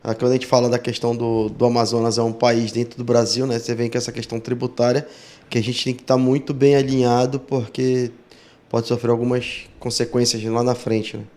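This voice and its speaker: A man's voice: medium pitch, little pitch movement, brisk, warm tone. A man hosting a casual podcast interview, with a voice in the middle range. He talks in a friendly, chatty way and keeps tacking little questions onto the ends of his sentences. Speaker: podcast host.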